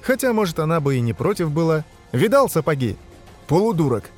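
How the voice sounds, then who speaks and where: A man voicing a reckless, cheeky young male nobleman with a playful, mocking manner, pitched high above his own voice. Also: very animated, fast, warm tone, faint music behind.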